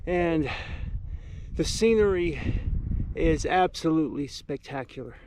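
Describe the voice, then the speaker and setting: A man's voice: on the high side, lively intonation, unhurried, low-quality recording. A man narrating a hiking vlog as he climbs sand dunes, talking plainly and getting out of breath. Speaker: vlogger. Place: outdoors on windy sand dunes. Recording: loud wind noise on the camera mic.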